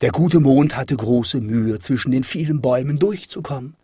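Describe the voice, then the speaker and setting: A man reading a children's fairy tale aloud with expressive, dramatic delivery. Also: mid-range voice, moderate pace, husky, no room sound, clean studio sound. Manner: lively, dramatic rises and falls. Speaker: storyteller.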